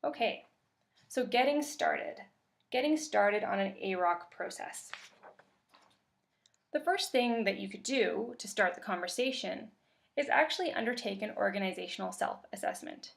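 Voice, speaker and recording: With vocal fry in her mid-range voice, a woman from Canada presents a webinar in her role as workshop facilitator. Calm and measured overall, she uses a filler every so often.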